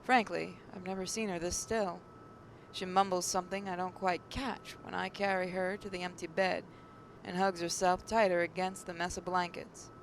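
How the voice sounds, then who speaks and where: Acting as a gaming host, someone reads visual novel narration and adds casual commentary, speaking flatly at normal speed and stumbling over words now and then. The mic is clearly noisy, with a low rumble.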